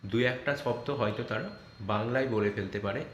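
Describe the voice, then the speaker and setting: In an online guidance lesson for parents and tutors, a teacher with a Bengali accent patiently explains how to check a child's spelling, spelling words out letter by letter. His voice is on the low side and a little fast. The room is echoey, with faint background noise.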